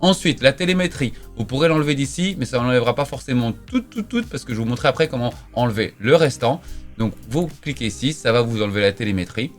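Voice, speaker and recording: With soft music in the background, this man runs through a screen-recorded tech tutorial, talking fast in a mid-range voice with lively intonation. His casual, emphatic delivery as a tech YouTuber leans heavily on "voilà" and "donc."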